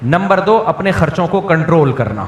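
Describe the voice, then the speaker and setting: A man's voice: on the high side, animated. A man, a mufti answering questions from listeners in a plainspoken, teasing way, often checking whether the point has landed. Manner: plainspoken, teasing, keeps asking if the point is understood. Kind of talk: question-and-answer religious talk. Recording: echoey room with faint background noise.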